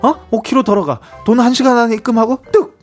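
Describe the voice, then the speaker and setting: Man playing a pushy older sister, high-pitched, rapid-fire, brusque and bossy, music under the voice. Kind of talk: radio comedy skit.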